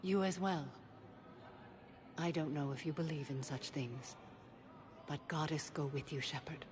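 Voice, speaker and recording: An actress playing a stoic alien warrior matriarch in a video game, formal, measured and solemn. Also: female voice, low-pitched, darkish tone. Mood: solemn, reflective. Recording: clear background ambience noise.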